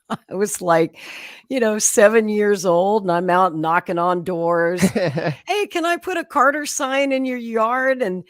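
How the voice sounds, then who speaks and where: A woman's voice: mid-range voice, slow, no echo, studio quality. A woman, a guest telling her political life story in a chatty way, laughing often and acting out quotes. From Oklahoma, USA. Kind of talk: conversational storytelling.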